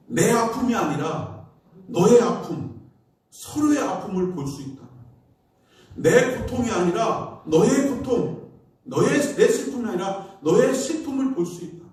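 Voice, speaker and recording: A man's voice: fairly high pitch, a little mellow, very echoey, far from the mic. A man preaching a Sunday sermon as pastor, a storyteller who acts out the voices of people in his stories. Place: church sanctuary.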